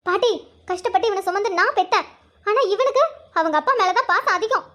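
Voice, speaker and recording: A stubborn young mother in a cartoon, put on by a woman, high-pitched and quick-talking. She speaks firmly and curtly with a bitter edge. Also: pushed and bright. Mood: resentful. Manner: firm, curt, bitter.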